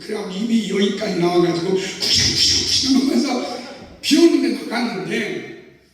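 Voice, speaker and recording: A man pastor preaching at a revival meeting, telling stories in an animated way with frequent chuckles. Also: high-pitched, normal speed. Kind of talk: revival sermon. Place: large church sanctuary. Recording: echoey hall, voice from far off.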